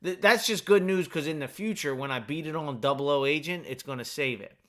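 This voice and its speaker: A casual gaming streamer, a man whose voice sits a bit on the high side. He rambles, stops and restarts his thoughts mid-sentence, and chats along while eating. He is talking without his usual mic. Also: a little fast, fairly bright tone. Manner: rambling, self-interrupting, chatty. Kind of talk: casual live-stream chat while playing. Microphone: not using his usual mic.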